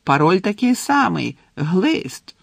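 A man's voice: sits high, very animated, slow pace, gravelly, no room sound, clean studio sound, pitched above the performer's own voice, full character voice. A man voicing a fussy, haughty portrait lady who snaps at people, in a storybook reading. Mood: coaxing. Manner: indignant, snapping.

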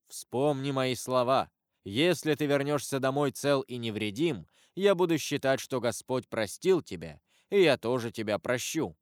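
A man voicing a stern, solemn avenger disguised as a priest, speaking gravely and in measured sermons. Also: mid-range voice, expressive, no room sound, clean studio sound, close to an everyday voice.

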